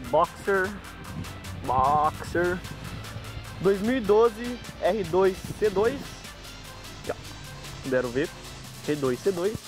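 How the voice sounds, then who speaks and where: A Brazilian man giving a casual, improvised vlog rundown of gear, informal and correcting himself as he goes, recorded outdoors on a handheld phone. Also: fairly high pitch. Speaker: bike owner presenting a gear check. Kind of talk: casual vlog commentary, listing parts.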